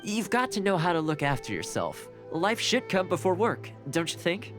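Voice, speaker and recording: A friendly young housekeeper in a video game. He talks in an easygoing, earnest way with lively pitch. Soft music sits behind him. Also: normal speed. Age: young adult.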